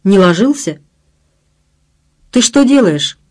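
A woman's voice: medium pitch, sing-song, slow, mellow. A woman reading an audiobook, voicing a heated, suspicious adult man who demands and accuses. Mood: angry.

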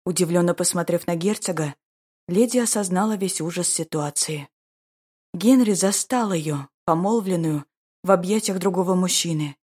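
A woman narrating a romance audiobook in a slow, measured, expressive way. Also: on the low side, husky.

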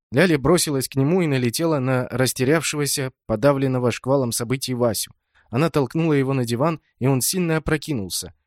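A man calmly narrating a children's story as an audiobook reader. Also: medium pitch, no room sound, clean studio sound.

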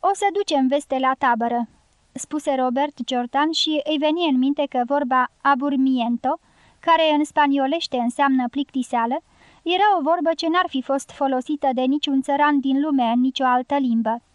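A woman with a high voice reads a novel aloud in a measured, literary way. The sound is close and dry, with no room around it. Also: steady tone, dry recording. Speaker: audiobook narrator. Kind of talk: scripted audiobook narration.

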